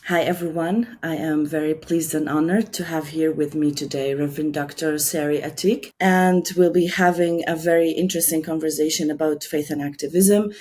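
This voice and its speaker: A woman hosting a faith podcast, reading a measured introduction and asking questions with some hesitation. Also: sits low, fairly even intonation, a little mellow, a little hiss or hum. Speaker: podcast host. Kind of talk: introduction and interview.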